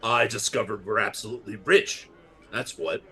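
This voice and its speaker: A man's voice: lowish voice, normal speed, pushed and bright. A man improvising in-character banter as a player in a tabletop role-playing game.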